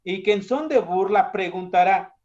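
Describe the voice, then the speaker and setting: A man's voice: high-pitched, moderate pace, a little mellow. A young man from Mexico preaching a sermon in a conversational way, often putting questions to his listeners. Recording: dull lo-fi sound.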